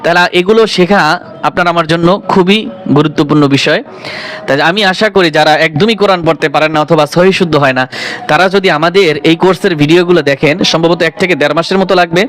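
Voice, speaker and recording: Bangladeshi Bengali male Quran teacher, high voice, drills by question and answer. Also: a bit bright. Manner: asks questions and answers them himself, repeating for students; slows down and drags out example syllables. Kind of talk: Quran reading lesson.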